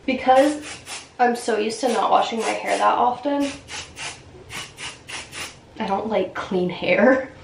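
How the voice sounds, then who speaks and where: Slow and chatty, a young lifestyle vlogger talks to the camera from her bathroom and kitchen, relaxed and heavy on fillers. Her voice is a little high and gravelly. Recorded on a camera mic at arm's length or on a stand, the room is echoey with faint background noise.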